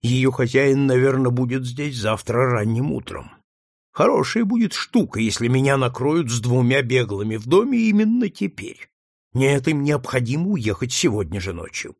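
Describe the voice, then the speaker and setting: A man's voice: mid-range voice, sing-song, moderate pace, no room sound, clean studio sound. A man reading the part of a middle-aged senator, asking blunt questions. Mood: questioning.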